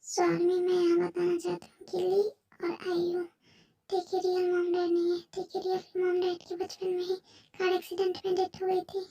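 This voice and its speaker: A woman tells a fan fiction story in a friendly, chatty way, speaking straight to her fans. Her voice is very high and mellow, with a flat pitch. She is recorded from a distance. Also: moderate pace, vocal fry. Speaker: fan fiction dubbing narrator.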